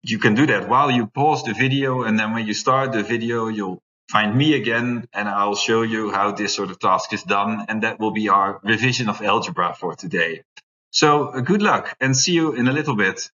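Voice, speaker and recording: This recording catches a fortyish university lecturer teaching math at a whiteboard in English, his fairly low voice pushed and bright at a normal pace. He goes step by step, leaning on fillers. Captured indoors by a distant camera mic, the classroom audio is dull and roomy.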